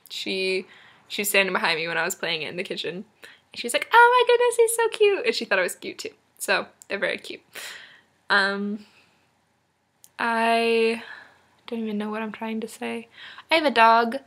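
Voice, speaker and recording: A woman's voice: mid-range voice, pushed and bright. A young woman from Maine rambling to a friend on a webcam at home, giggly and self-deprecating. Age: young adult. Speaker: vlogger. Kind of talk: casual chat to a friend.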